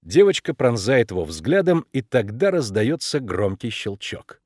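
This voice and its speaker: A man narrating an audiobook in an expressive, animated reading. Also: mid-range voice, a little slow, no echo, studio quality. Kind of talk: scripted narration.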